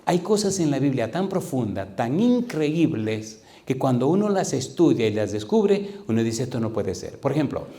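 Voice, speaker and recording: A man in his fifties preaching a sermon to a live audience, often asking them questions and slowing down to stress scripture. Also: medium pitch, sing-song, mellow. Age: 50s. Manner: engages the audience with repeated questions; slows down to stress scripture readings. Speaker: pastor.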